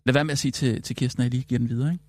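A male radio host caught up in a comedy bit, answering with quick disbelieving questions. His voice sits at an ordinary middle pitch and sounds dry and close on a studio mic. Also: fairly even intonation, no room sound. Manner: incredulous, firing short questions. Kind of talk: comic radio chat.

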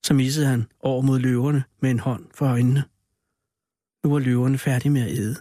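A man's voice: medium pitch, fairly even intonation, dark tone, no echo, studio quality, lightly acted. A man voicing a male ape who tells a spooky story with dramatic, theatrical reading.

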